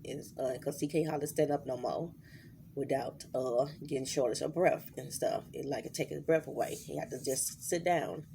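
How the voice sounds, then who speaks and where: Middle-aged woman, raspy low fry, anxious and halting diary vlog; faint noise. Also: warm tone. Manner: halting, many fillers and restarts. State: worried, holding back tears. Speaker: vlogger.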